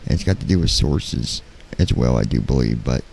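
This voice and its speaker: A man live-streaming in casual, halting talk, keeping his voice quiet at night so as not to wake anyone. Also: a bass voice, expressive, vocal fry, a little hiss or hum. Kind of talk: casual chat, flight sim livestream. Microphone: handheld studio microphone.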